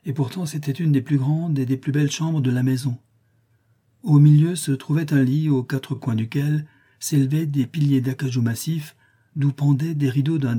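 Man, audiobook narrator, measured literary reading, dark mellow tone, husky. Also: medium pitch.

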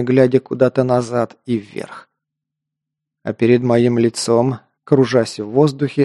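A man narrating a first-person fantasy action audiobook, steady storytelling that lifts into louder voiced dialogue. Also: medium pitch, dry recording, clean studio sound.

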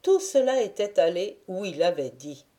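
A woman narrating a classic novel as an audiobook in a measured, deliberate reading. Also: medium pitch, big pitch swings, mellow.

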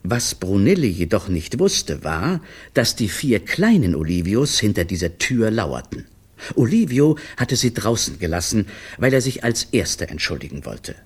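A man narrating a children's audiobook with a lively, expressive reading. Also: lowish voice, normal speed, breathy edge.

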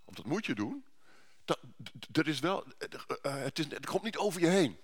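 A man's voice: a little high, big pitch swings, a little fast, breathy edge. A male pastor giving a sermon at a church service, conversational, with rhetorical questions and frequent restarts.

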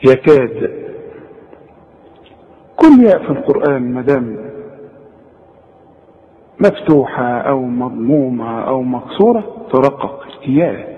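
A man with an Egyptian accent teaching Quran recitation informally, correcting the listener directly and demonstrating each sound. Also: on the high side. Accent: Egyptian Arabic. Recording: long reverb, dull lo-fi sound.

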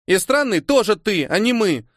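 A bossy little girl of about eight pesters with questions in a high, piping voice, as a male narrator puts her on. Her pitch leaps around eagerly. Dry, close storybook recording. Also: big pitch swings, moderate pace, dry recording. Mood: inquisitive.

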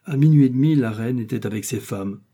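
A man voicing a loyal count who reports to his master in a confidential, brisk way. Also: medium pitch, dark tone, close to an everyday voice.

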